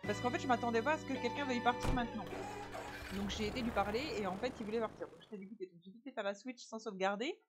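A woman chatting softly with viewers while she streams a video game on a headset mic. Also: fairly high pitch, fast talker. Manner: soft-spoken, chatty with viewers. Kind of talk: casual live-stream chat while playing. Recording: game music under the voice. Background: game music.

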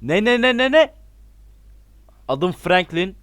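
A man giving excitable, casual gameplay commentary, shouting out reactions and talking straight to his viewers as friends. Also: high voice, slow, clear, resonant tone, no room sound. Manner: excitable, loud exclamations and slangy swearing; talks to viewers as friends, repeats himself. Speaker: gameplay YouTuber.

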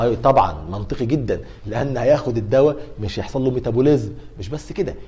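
In a university pharmacology lecture, a middle-aged man with an Egyptian Arabic accent uses self-answered questions to coax his students forward. His voice is mid-range and mellow.

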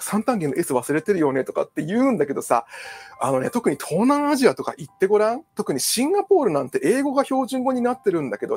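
This Japanese psychological counselor rambles in a casual solo talk, full of fillers and side remarks. His voice is a little high, with a darkish, slightly rough tone.

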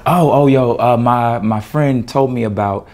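An actor playing an easygoing, affectionate young boyfriend. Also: male voice, medium pitch, unhurried, darkish tone, close to an everyday voice. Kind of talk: web drama acting.

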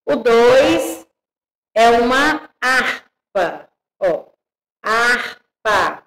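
A Brazilian woman teaching young children, spelling out syllables slowly and checking in with the class. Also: on the high side, sing-song, a bit bright, low-quality recording. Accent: Brazilian Portuguese. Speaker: primary school teacher.

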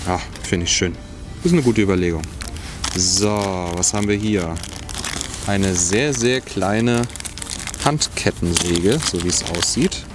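Out on the grass next to a log, a man with a low, slightly slow voice tests a cheap survival kit item by item. It's an easygoing hands-on review full of musing as he handles things, with music running beneath it.

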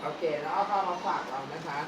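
A woman kindergarten teacher running a classroom vocabulary drill. She repeats each word slowly and coaxes the children while staying firm. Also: deep voice. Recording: echoey room from far off, clear noise.

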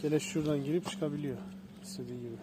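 A man filming a casual vlog outdoors, calling to his dogs, switching between loud commands and soft praise. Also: on the high side, fairly even intonation, very fast. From Turkey. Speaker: dog owner vlogger. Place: outdoors by a dog enclosure. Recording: noisy outdoor phone recording. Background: dogs and outdoor noise.

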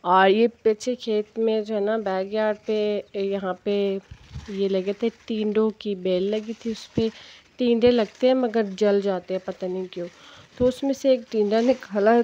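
Speaking at normal speed with a steady, dark, medium-pitched voice, this Kashmiri village vlogger talks viewers through her everyday routine. It's a dull, lo-fi phone recording.

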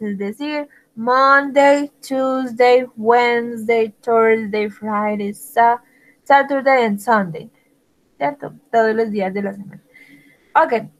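Woman english teacher, talks super slow, spells every word out, kinda high voice. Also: fairly bright tone, low-quality recording. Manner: slow, deliberate, spells letters one by one. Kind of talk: bilingual language lesson, spelling words aloud.

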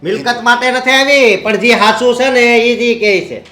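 A man's voice: very high voice, moderate pace, bright, forceful tone. A quarrelsome son hungry for his inheritance, as an actor plays him. He argues, and the echoey room rings around his pressing tag questions. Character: grasping son and heir, quarrelsome.

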